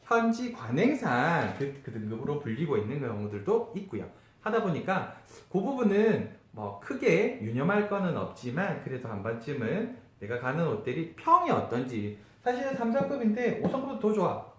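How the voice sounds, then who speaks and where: Nasal man with a high-pitched, lively voice. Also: normal speed, hardly any pauses. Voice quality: nasal, stuffed-nose voice. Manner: conversational teaching with rhetorical questions. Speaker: travel YouTuber and travel agent explaining tours. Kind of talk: informal explainer to camera. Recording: echoey room.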